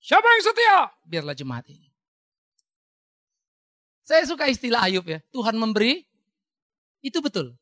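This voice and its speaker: A male pastor preaches with animated emphasis. His voice sits a touch high and swings widely, leaping up to stress a point. The sound is dry, with little room echo. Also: a little slow, pauses often. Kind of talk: sermon.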